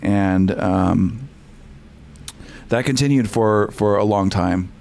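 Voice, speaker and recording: Young guy on a podcast, lowish voice, lots of um and restarts, just telling his story. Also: vocal fry, darkish tone. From California. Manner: halting, many restarts and fillers. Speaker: podcast guest. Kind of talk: candid storytelling interview.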